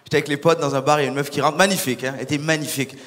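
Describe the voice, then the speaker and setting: A young man doing a stand-up comedy set on stage, animated and acting out little scenes. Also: fairly high pitch, racing. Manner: animated, acts out voices and characters. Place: large concert hall on stage. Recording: live hall with long reverb.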